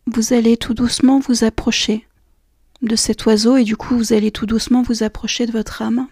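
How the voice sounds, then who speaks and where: A woman guiding a relaxation and meditation session in a soft, slow, half-whispered voice. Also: on the high side, level tone, slightly rough, no room sound, studio quality. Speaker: relaxation guide. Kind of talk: guided meditation.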